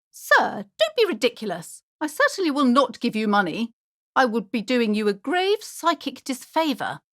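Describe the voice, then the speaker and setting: Here the prim, middle-aged bookshop owner, a superstitious and strict mother quick to take offense, sounds haughty and scolding. Her high, swooping voice has a fairly bright tone and an exaggerated, theatrical video game style packed with emphatic turns.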